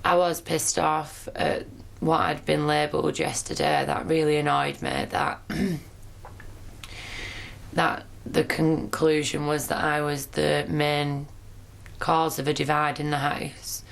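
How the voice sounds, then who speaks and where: Sex: woman. Style: confessional to camera. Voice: low and gravelly. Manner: weary and blunt. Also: level tone, slow pace. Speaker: reality show contestant.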